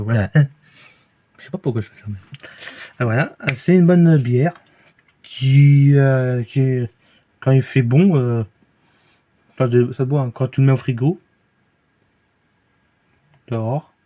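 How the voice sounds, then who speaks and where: A man's voice: mid-range voice, warm tone. A man with a Belgian French accent reviewing beers in a casual, rambling way, full of fillers, false starts and hesitations, recorded in a room at home.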